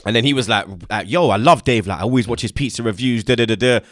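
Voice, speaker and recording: On his podcast, a young man from England with a London accent talks fast in a medium-pitched voice. He delivers a slangy, laid-back story and acts out what each person says, and there's no echo on the recording.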